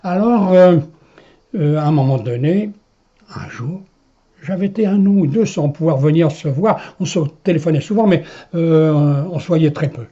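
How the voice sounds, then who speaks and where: A man's voice: fairly high pitch, moderate pace, dark tone. A man telling a personal story in a meandering way, with many hesitations and chuckles. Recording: dull lo-fi recording.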